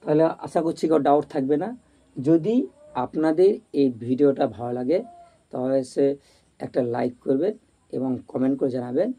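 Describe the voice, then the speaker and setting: A man's voice: medium pitch, moderate pace, mellow, poor audio. A man teaching a grammar video lesson, explaining step by step, repeating his points and asking if everyone has understood. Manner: checks that viewers understand.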